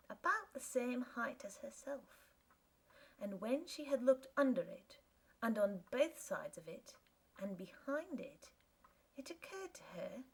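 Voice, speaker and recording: A woman reading a classic story aloud as an audiobook narrator, in a calm, measured way. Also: mid-range voice, slightly rough. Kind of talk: scripted narration.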